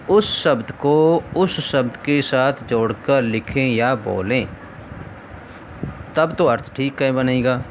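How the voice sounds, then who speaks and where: Slow, measured male teacher. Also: medium pitch, a little hiss or hum. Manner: slow, measured explaining with rhetorical questions. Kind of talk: recorded lesson. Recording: dull lo-fi recording.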